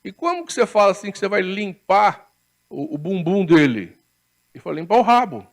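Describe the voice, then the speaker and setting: A man's voice: sits high, lively intonation, brisk, gravelly. A Brazilian man preaching a sermon as pastor in a church, chatty and storytelling, often asking for agreement and laughing at his own anecdotes. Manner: conversational preaching, frequent tag questions, laughs at own stories.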